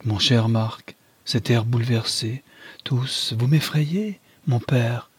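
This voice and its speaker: A man's voice: mid-range voice, slow pace, breathy edge, dry recording. A man reading aloud voices a frightened young bride, raising his voice into an anxious, pleading tone.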